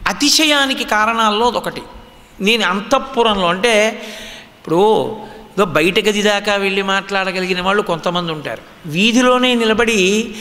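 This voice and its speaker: This high, sharp-toned male voice belongs to a spiritual discourse speaker from the Andhra region. He teaches emphatically and poses rhetorical questions during a religious discourse, with long hall reverb around him.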